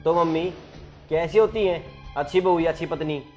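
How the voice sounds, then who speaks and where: An angry young husband who grumbles resentfully to his mother, played by a man. His voice sits high and his complaints pile up. Faint music runs underneath. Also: normal speed, a little mellow, natural voice. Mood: irritated. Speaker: son and husband. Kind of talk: family drama short.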